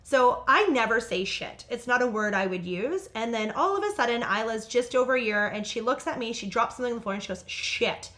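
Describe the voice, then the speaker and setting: Podcast guest: woman, quick and higher-pitched, animated and candid, casual storyteller. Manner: candid and animated, swears freely, laughs while telling stories.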